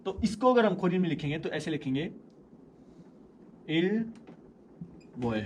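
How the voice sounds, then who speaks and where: A man teaching a language lesson in a casual way, slowly repeating words so learners can follow. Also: a little high, lively intonation, slight background noise.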